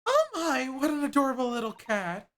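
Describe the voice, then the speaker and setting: A streamer voicing a gentle, polite young woman assistant while reading game dialogue aloud. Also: sits high, very animated, normal speed, voice pushed up, heavily acted. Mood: cheerful.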